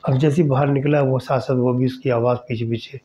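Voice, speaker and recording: A man's voice: mid-range voice, steady tone, dark tone, a little hiss or hum. A man hosting a podcast, telling a horror story in a conversational way and speaking directly to his listeners. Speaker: storyteller host. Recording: dull lo-fi recording.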